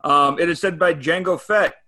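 A man's voice: a little high, bright, forceful tone. A man in a casual movie quote game, often stammering and restarting his sentences. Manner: halting, repeats words. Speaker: quiz game player. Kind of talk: casual chat.

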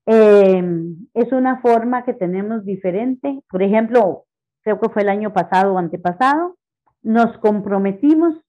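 A woman pastor on a panel, calmly explaining her church's customs. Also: medium pitch, normal speed, poor audio. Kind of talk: panel discussion.

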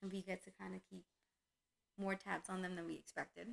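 A woman in casual chat, telling lively stories about her dogs and acting out their voices. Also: on the low side, brisk, gravelly, low-quality recording. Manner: animated storyteller, acts out her dog's voice. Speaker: dog breeder.

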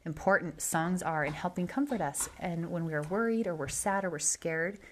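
Low-voiced woman reading a bedtime story. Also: normal speed, a little hiss or hum. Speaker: podcast host. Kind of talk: reading a children's story aloud.

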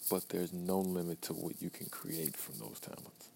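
A man in his early twenties repeats phrases for emphasis while giving himself a blunt, profane podcast pep talk. His low voice is creaky and mellow, delivered flatly at a moderate pace, with slight background noise.

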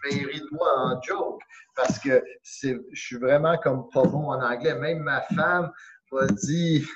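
Québécois karate teacher, male, mid-pitched, casual and encouraging, slightly muffled audio. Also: steady tone, measured pace, a little hiss or hum. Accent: Québécois French. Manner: warm and encouraging, drops in English phrases. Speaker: karate instructor, guest. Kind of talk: casual interview chat.

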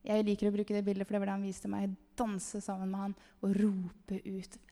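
A woman giving an animated, emphatic testimony sermon about a vision, sometimes calling out loudly to the listeners. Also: mid-range voice. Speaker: speaker sharing a vision. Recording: long hall reverb.

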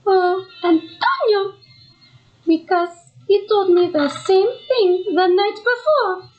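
A woman's voice: extremely high pitch, lively intonation, takes it slowly, dull audio, exaggerated voice. A woman voicing an overwrought, tearful sister in a parody soap opera, gushing and melodramatic.

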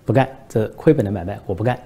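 Comedy sketch: a bumbling, evasive male leader who deflects blame, done by a man with a husky voice. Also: on the low side, lively intonation, fast, warm tone. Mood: scheming. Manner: stumbling over words, deflecting blame.

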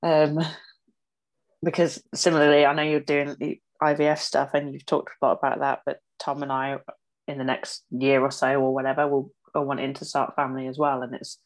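A woman's voice: extremely low pitch, level tone, brisk. A woman, a podcast guest talking openly and with self-deprecation, often trailing off. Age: 20s. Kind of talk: casual chat.

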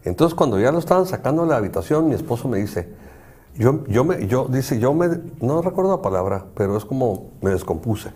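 A man's voice: medium pitch, lively intonation, a little fast, dark tone. A man, a psychology professor, talking earnestly and acting out what people said to him. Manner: earnest, explanatory, acts out dialogue. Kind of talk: conversational talk show.

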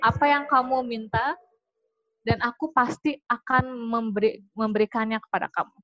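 A woman's voice: fairly high pitch, steady tone, normal speed, highs cut off, natural voice. A woman voicing a male Greek god who formally offers a poor farmer any wish, speaking in a solemn storybook way.

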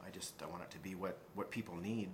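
A man's voice: low voice, fast talker, a little hiss or hum. A man from Las Vegas speaking in a laid-back, easygoing way in a casual group chat. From Las Vegas, Nevada.

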